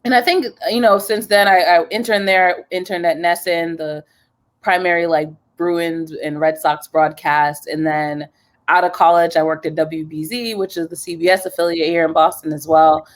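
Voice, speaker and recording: A woman's voice: on the low side, steady tone, moderate pace. A young woman from New Jersey, a journalist, talking in an upbeat, chatty way and laughing often as a guest on a video call interview. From New Jersey, USA.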